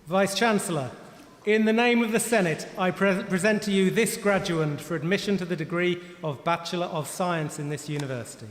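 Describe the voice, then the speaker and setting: High-voiced man announcing formally, echoing hall. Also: a little fast. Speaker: ceremony announcer presenting graduates. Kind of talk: formal ceremonial podium speech, name reading. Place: large ceremony hall, amplified. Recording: echoey hall, crowd and background noise.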